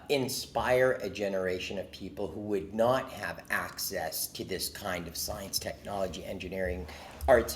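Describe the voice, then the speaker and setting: A man from Jordan, a native Arabic speaker, answering interview questions with passionate, earnest storytelling. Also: on the low side. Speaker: guest.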